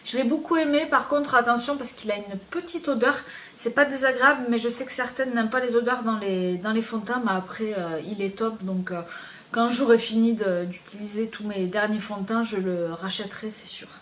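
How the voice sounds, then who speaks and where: A woman's voice: on the high side, fairly quick, fairly bright tone, a little hiss or hum. A woman beauty vlogger reviewing her used-up products in a casual, hesitant way, with many fillers.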